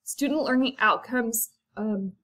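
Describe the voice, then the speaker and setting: A woman's voice: a little high, a little slow, a bit bright. A woman college instructor walking through her course syllabus in a casual, informal way, with frequent fillers, asides and the odd cough. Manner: chatty and informal, many ums and asides. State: coughing now and then. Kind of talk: casual syllabus walkthrough lecture.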